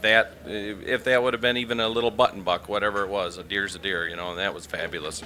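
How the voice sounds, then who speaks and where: Middle-aged male guest, lowish forceful voice, earnest casual talk, faint noise behind. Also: steady tone, quick pace. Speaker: interview guest, proud father. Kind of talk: casual chat.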